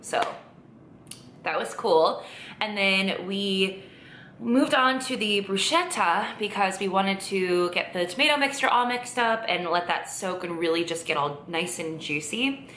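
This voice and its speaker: A woman's voice: mid-range voice, lively intonation, unhurried, a bit bright, roomy sound, slight background noise. A woman vlogging in casual chat, gushing and chatty with lots of fillers and restarts.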